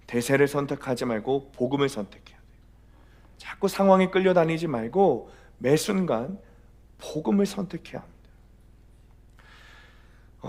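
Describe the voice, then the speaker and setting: A male pastor preaching a Sunday sermon in a church. His delivery is dramatic, rising to loud declarations and dropping to quiet, near-whispered lines. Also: mid-range voice. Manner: dramatic storytelling, shifts between loud and soft. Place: church sanctuary.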